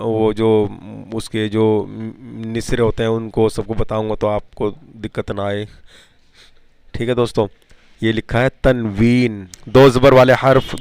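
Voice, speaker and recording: A man teaching a step-by-step reading lesson, calling viewers friends, repeating each rule and chanting letter drills in a steady rhythm. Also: lowish voice, clear, resonant tone, no echo.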